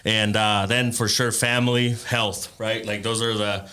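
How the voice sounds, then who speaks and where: Man, bright voice, laid-back, lots of uh and you know, podcast guest. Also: fairly low pitch, measured pace. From El Salvador. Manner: relaxed, laughs often, frequent fillers. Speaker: podcast guest, rapper and entrepreneur. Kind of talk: casual interview chat.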